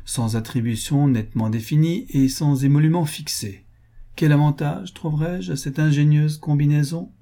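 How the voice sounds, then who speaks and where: A man's voice: fairly high pitch, moderate pace, mellow, voice pushed up, natural voice. A man doing an ironic society marquis. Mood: mocking. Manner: ironic, half mocking. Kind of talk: audiobook character reading.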